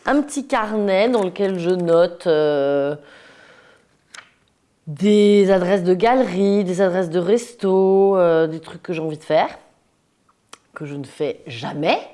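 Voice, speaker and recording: A woman's voice: fairly low pitch, slow pace, mellow. A woman listing her handbag items in a matter-of-fact way. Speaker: interviewee. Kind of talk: casual talk while emptying her handbag.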